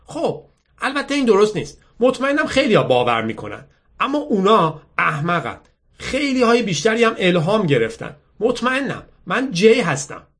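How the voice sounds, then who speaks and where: Man putting on a high confident young woman. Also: huge pitch swings, a bit bright, slightly rough, heavily acted. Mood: teasing.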